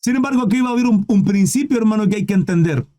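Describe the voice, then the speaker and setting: A man's voice: high voice, racing, mellow. A man preaching a sermon with fervent, questioning delivery, often calling listeners "brother".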